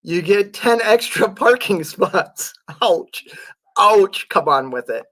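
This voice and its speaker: The poor audio carries a truck driver on his livestream, casually responding to viewer comments in a somewhat high, sharp-toned voice that's growing hoarse. He's expressive but slow, stopping often, clearing his throat and relying on fillers.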